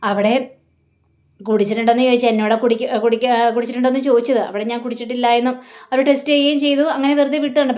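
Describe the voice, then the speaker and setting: This is a concerned male friend, earnest and explanatory as he recounts events, played by a woman narrator. Her voice stays high. The reading is plain and conversational. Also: darkish tone, close to an everyday voice. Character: concerned male friend bringing bad news.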